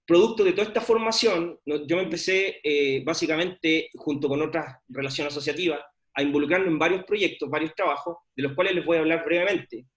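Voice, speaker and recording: A man's voice: on the high side, fairly quick, hardly any pauses. A middle-aged man, giving an informal presentation of his research with many fillers and restarts. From Chile. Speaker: scientist presenting his work.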